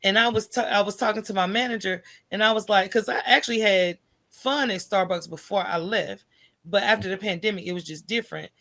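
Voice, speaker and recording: An American woman, a podcast guest, tells stories in an animated, colloquial, candid way, often checking in with "right?". Her voice is medium in pitch and her pace brisk.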